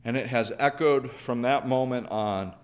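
A man's voice: medium pitch, unhurried. A man preaching a sermon, earnest, building through repeated phrases and questions. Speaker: pastor.

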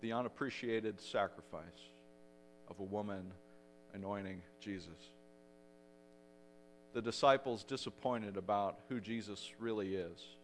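A man preaching a sermon as pastor, retelling the story dramatically and growing loud for the shouted quotes. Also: lowish voice, measured pace, long pauses, a little hiss or hum.

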